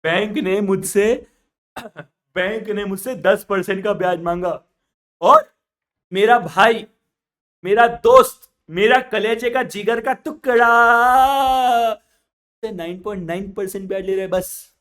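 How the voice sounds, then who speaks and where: A sobbing young man gushes with gratitude in a high, stretched-out wail. He drags his words out between sobs, as a male teacher puts him on during a lesson. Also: a bit bright. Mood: tearful pleading. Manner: high, wailing, drawn-out sobbing delivery. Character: weeping grateful young man, overwhelmed and sobbing.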